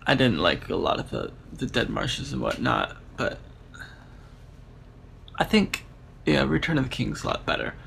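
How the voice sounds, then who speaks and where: A man's voice: medium pitch, wildly swooping pitch, normal speed, gravelly, fairly bright tone, slight background noise. A man co-hosting a podcast, chatting casually about a book and rambling through half-finished thoughts. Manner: rambling, with restarts and trailing-off thoughts. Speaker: podcast co-host.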